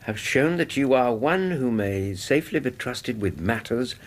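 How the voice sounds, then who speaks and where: An actor playing a genial, admiring Victorian doctor in a British radio drama, with an English accent and a hearty, gentlemanly manner. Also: male voice, mid-range voice, lively intonation, a little slow, lightly acted. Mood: curious, intent. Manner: hearty, good-humoured, gentlemanly.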